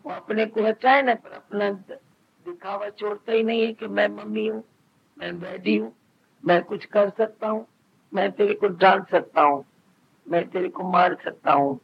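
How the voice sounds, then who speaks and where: A man with a high, gravelly voice delivers a spiritual talk to listeners, speaking plainly and slipping into quoted exchanges between parents and children. The recording sounds dull and lo-fi, with a faint hiss underneath. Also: fairly even intonation, unhurried. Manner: conversational preaching, quoting others in dialogue. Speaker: spiritual teacher. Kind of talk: satsang discourse.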